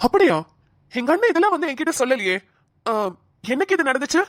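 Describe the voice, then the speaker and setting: A woman voicing a cheerful young police trainee in a cartoon, breezy and excitable. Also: extremely high pitch, fast talker, no echo, studio quality, full character voice. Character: young male police trainee, cheerful, devoted to his wife. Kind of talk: cartoon dialogue.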